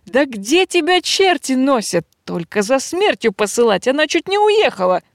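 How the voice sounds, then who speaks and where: A woman reading an audiobook, voicing an impulsive, loud young female robber chief with a high, excitable, scolding voice. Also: normal speed, dry recording, studio quality, close to an everyday voice.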